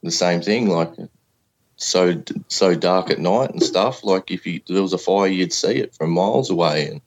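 Aussie working bloke in his 30s, real low voice, laid-back and colloquial, just telling a yarn. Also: moderate pace, slight background noise, low-quality recording. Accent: Australian. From Australia. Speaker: podcast guest. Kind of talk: casual first-person storytelling.

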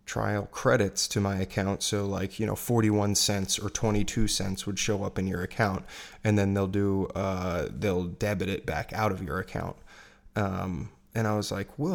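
A man's voice: lowish voice, vocal fry. A man hosting a casual, rambling solo chat in an informal way, sounding far from a dangling microphone. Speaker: host. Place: seated at a piano. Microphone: dangling microphone, away from the mouth. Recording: voice distant from dangling mic, music.

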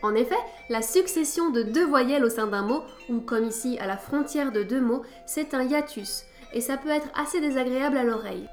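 Woman, podcast host, scripted lesson, wry and playful, slightly high voice. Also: normal speed, hardly any pauses, a little mellow, soft background music.

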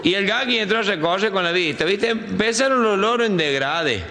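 A man's voice: high-pitched, animated, brisk. A man with a Córdoba accent, telling a joke as a live stand-up story in a vivid, playful way. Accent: Córdoba Argentine. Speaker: comedian. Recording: live stage recording in a hall, loud audience.

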